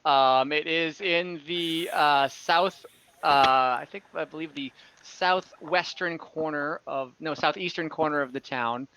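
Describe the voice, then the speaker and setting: Acting as dungeon master, a man casually describes a scene, full of fillers and self-corrections. His fairly high voice is bright and forceful at a measured pace. The online audio is slightly dull and lo-fi, with a little background noise.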